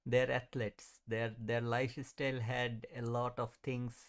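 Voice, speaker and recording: A man's voice: medium pitch, little pitch movement, unhurried. A man in his thirties hosting a live trading stream, chatting casually, answering viewers and laughing often. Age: 30s. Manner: mutters at the chart while watching. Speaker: trading livestream host.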